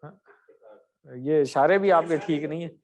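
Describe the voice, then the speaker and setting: A middle-aged man teaching Arabic grammar in an online class, correcting and quizzing his students by name. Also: fairly high pitch.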